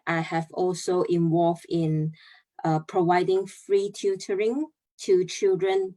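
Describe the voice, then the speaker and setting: Her voice sits on the low side with a darkish tone. A young chemical engineer from Malaysia, she presents earnestly on a video call, breaking things down step by step amid frequent pauses and fillers.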